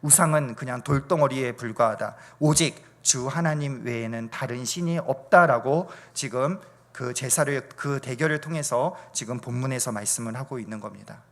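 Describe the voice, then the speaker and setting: A middle-aged man preaching a sermon in a church, emphatic, with loud fervent peaks, quiet low asides and repeated rhetorical questions. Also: normal speed. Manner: repetitive rhetorical questions and refrains. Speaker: pastor. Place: church sanctuary.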